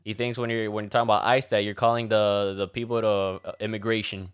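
A man's voice: fairly low pitch, flat delivery, quick pace, clean tone. A man with a Miami Cuban accent co-hosting a casual chat, joking and switching between English and Spanish. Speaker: podcast co-host.

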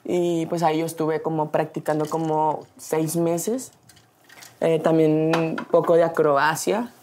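A man's voice: fairly high pitch, steady tone, measured pace, darkish tone, a little hiss or hum. A man from Mexico with a Mexican accent, a guest who tells his story shyly with many fillers. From Mazatlán, Mexico. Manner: shy, laughing, rambling storyteller. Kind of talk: casual chat.

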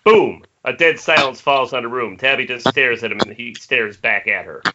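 A man reads stage directions as scripted narration during an amateur screenplay table read, speaking at medium pitch and normal speed. The audio is a dull, noisy internet call with clicks.

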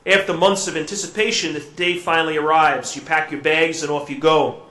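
A priest reads the Gospel and gives a homily during Mass, his voice echoing through a cathedral-like church. He is male with a slightly high, steady-toned voice. When speaking in his own words he is gentle and reflective, with halting fillers.

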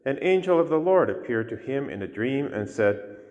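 A man preaches from the altar, his mid-range voice steady and deliberate, with pauses between phrases. The cathedral echo hangs after every line, a long reverb filling a large stone church. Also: medium pitch, phone-quality sound. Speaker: priest. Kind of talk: gospel reading and homily.

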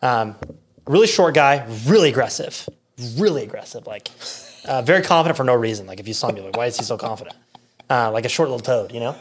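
Man, American accent, rapid storyteller, fillers, acted-out quotes. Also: medium pitch, crowd noise. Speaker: podcast guest telling a story. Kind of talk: casual storytelling chat.

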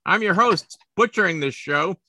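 With a high, sharp voice, lively intonation, and normal speed, this Boston-area host runs a sports collectibles podcast. He talks casually and rambles, stumbling over words and making fun of himself, and there's no room sound.

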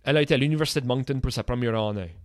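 A man's voice: medium pitch, very fast, no echo, studio quality. A man hosting a podcast interview, talking casually with English words mixed in. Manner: conversational, drops English words. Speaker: podcast host.

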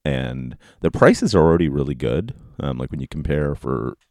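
A man hosting a podcast solo in a casual, rambling way, with halting, informal delivery. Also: very deep voice, animated, vocal fry, darkish tone, no room sound, studio quality. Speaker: podcast host. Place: basement office at home. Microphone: close podcast microphone.

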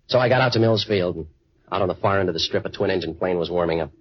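An actor playing a wisecracking American private eye in a 1940s radio noir, deadpan and clipped. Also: male voice, sits low, fast, slightly rough. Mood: wry. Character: hard-boiled wisecracking male waterfront private eye. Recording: dry, muffled 1940s radio recording.

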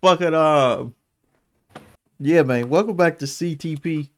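American dude w a grill in his mouth, kinda high voice, slangy cussing podcast host joking around. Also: a little slow. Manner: talking with a grill in his teeth; slangy, profane, playful. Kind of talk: casual banter.

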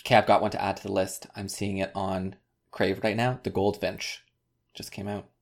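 A man's voice: low-pitched, little pitch movement, normal speed, creaky. A man co-hosting a podcast in casual chat, a little hesitant, with playful asides. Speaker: podcast co-host.

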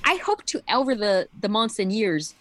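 A woman co-hosting a podcast, talking in an animated, casual way and swearing freely. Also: medium pitch, normal speed. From United States. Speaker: podcast co-host. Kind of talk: casual chat.

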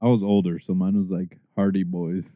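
Man, 30s, casual chat, easygoing, lower pitch, dry close tinny recording. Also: level tone, fairly quick, no room sound. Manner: easygoing, agreeable, reads trivia questions. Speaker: podcast co-host. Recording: dry, tinny phone-like sound.

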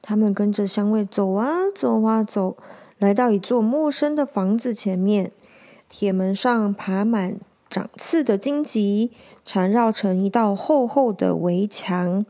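A woman reading a children's picture book aloud, gently stopping to explain words. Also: medium pitch, measured pace. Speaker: storyteller.

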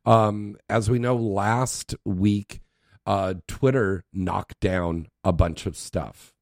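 A man with a fairly low voice hosts a casual interview. He talks informally and prompts with questions, and the sound is dry with little room. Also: steady tone, slow, creaky, no echo. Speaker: interview host.

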